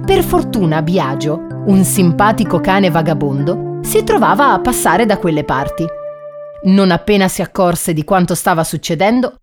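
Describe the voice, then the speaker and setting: Woman reading a kids story, lively up and down voice, music playing behind. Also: lowish voice, normal speed. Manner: expressive, animated reading. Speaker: narrator. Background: background music.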